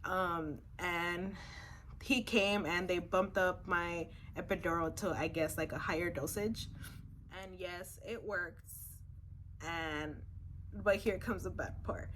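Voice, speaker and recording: A woman's voice: lowish voice, steady tone, slow, a bit bright, a little hiss or hum. Young woman bluntly retelling a story. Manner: blunt, swears freely, talks in run-on recounting. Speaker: vlogger. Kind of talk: casual storytelling.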